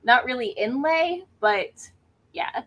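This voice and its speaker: A middle-aged livestream host chats casually and encourages her viewers' comments in a high voice with lively intonation. She speaks slowly, and the recording's highs are cut off.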